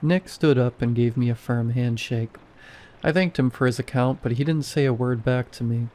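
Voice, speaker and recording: A man reads scripted horror fiction in a steady, unhurried way. His voice sits at an ordinary middle pitch. The telling stays even and measured throughout. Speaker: horror story narrator.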